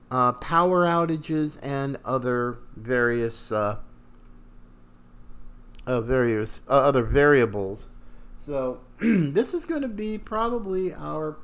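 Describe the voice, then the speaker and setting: Guy doing a podcast monologue, takes his time, lots of pauses, bit of ringmaster showiness, voice slightly high. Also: fairly bright tone, smooth. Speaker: podcast host.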